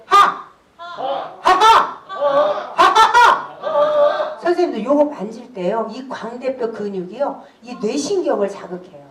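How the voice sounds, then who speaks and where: A woman in her sixties giving a laughter therapy lecture, animated, breaking into loud laughs and shouts as she leads the group. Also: on the high side. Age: 60s. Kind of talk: workshop lecture with call-and-response. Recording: roomy hall, voice from a distance.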